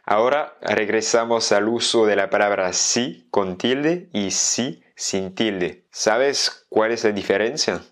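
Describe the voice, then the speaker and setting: A man's voice: fairly low pitch, slow pace, few pauses, a bit bright. A man hosting a casual video lesson, chatting directly with the viewer and slipping Spanish phrases into his explanations. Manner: drops into Spanish phrases between French explanations. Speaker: Spanish teacher and channel host.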